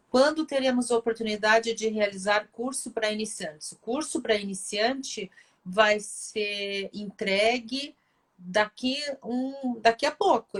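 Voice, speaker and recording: Host, woman, slow measured delivery, reads viewer questions. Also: medium pitch, a bit bright. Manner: unhurried, reading viewer questions aloud. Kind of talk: hosting a live video chat.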